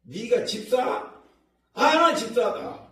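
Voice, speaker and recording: A man's voice: very high-pitched, lively intonation, takes it slowly, fairly bright tone, pitched above the performer's own voice, full character voice. An older man voicing a mocking demon that speaks through a possessed person, taunting and sneering. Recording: echoey hall, mic far off.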